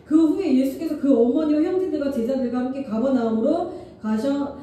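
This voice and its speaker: Woman pastor, high, mellow voice, animated sermon; heavy church echo, distant mic. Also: a little fast. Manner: animated preaching, acting out Jesus's angry words. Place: church sanctuary. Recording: echoey church hall, voice from far off the mic.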